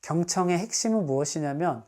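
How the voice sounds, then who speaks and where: A male psychiatrist calmly explaining advice for parents, now and then acting out what a parent or child would say. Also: fairly high pitch, brisk.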